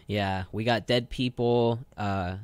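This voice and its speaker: A young man co-hosts a radio show from the studio, chatting in a loose, rambling, casual way and saying "like" constantly. His voice is on the low side, steady and clean, and he takes it slowly. The recording is dry.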